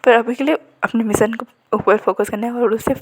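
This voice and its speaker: Woman telling a fanfic story, chatty and kinda whispery, a bit high husky voice. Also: fairly even intonation, fairly quick. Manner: chatty, often hushed and whispery. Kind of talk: casual story narration.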